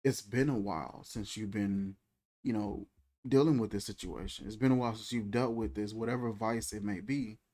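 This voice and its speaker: A man's voice: on the low side, fairly even intonation, normal speed, mellow. A man in his thirties giving a reflective, conversational faith talk, repeating phrases and speaking in a loose, colloquial way. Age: 30s. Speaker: faith channel host.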